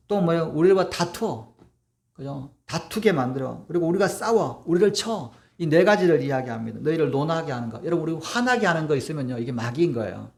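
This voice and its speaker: A man's voice: on the high side, vocal fry. A male pastor preaching a sermon in a conversational way, often asking the congregation for agreement and acting out what people say. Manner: conversational preaching, acts out quoted voices, asks "그죠?".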